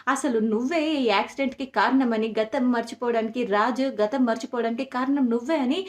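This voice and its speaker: A woman voicing a fierce, protective middle-aged mother who accuses forcefully. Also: on the high side, steady tone, brisk, natural voice. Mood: angry.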